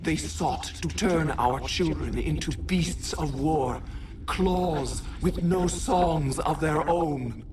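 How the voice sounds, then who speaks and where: A woman voicing an ancient, mournful insect hive queen in a video game, speaking in halting, cryptic, solemn phrases through a host. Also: low voice. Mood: mournful, eerie. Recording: distant voice with clear noise.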